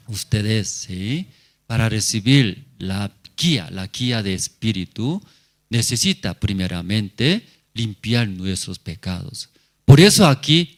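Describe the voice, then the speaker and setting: Preaching at a church service, a pastor with a fairly low voice talks in short, simple phrases. He often addresses questions to his congregation.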